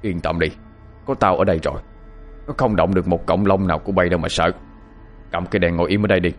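A man's voice: low-pitched, fairly even intonation, fast talker, soft background music. A man voicing a stern, commanding older exorcist who scolds and chants spells.

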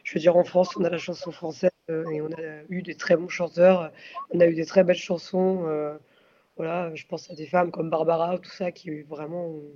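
A woman, a band's singer, answering interview questions thoughtfully and pausing often with fillers to find her words. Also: on the low side, flat delivery, dark tone, muffled recording. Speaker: singer of a post-metal band.

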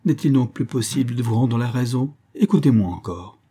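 A man's voice: mid-range voice, lively intonation, fairly quick, dark tone, breathy edge. A man reading the part of a tearful young noblewoman, pleading and distressed, in an audiobook. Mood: alarmed. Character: young woman, tearful noblewoman torn by love.

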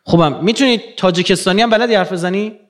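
A man giving a lecture to an audience, animated, swinging from low murmurs to emphatic rising peaks.

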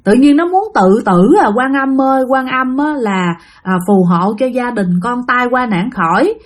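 A woman's voice: a little high, normal speed, close to an everyday voice. A woman voicing a pleading elderly mother-in-law. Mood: praying. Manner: pleading softly.

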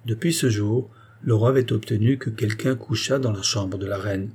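A man narrating a classic novel as an audiobook, reading in a measured, solemn way. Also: on the low side, darkish tone, breathy edge.

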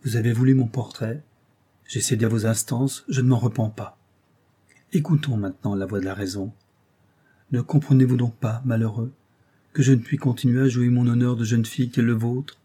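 A man reading an audiobook, voicing a gentle but firm young noblewoman in a raised, earnest voice. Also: mid-range voice, steady tone, normal speed, husky, close to an everyday voice.

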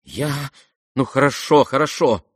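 A man reading aloud and voicing a gentle, simple-hearted young prince who speaks earnestly and guilelessly. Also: medium pitch, expressive, unhurried, husky, no room sound, studio quality, voice pushed up.

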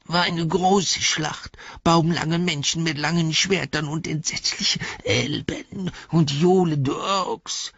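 A man voicing a wretched, sly creature in an audiobook, with a breathy, hissing whisper and a habit of repeating himself. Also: a little high, slow, hardly any pauses, a bit bright, no room sound, dull audio, voice pushed up, full character voice. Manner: repeats himself, speaks of himself in third person. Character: wretched creeping male creature, furtive and sly. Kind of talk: audiobook character voice.

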